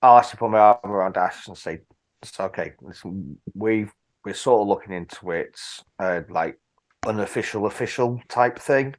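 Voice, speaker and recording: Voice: low-pitched, moderate pace. A player in a tabletop game, speaking casually in character with short replies.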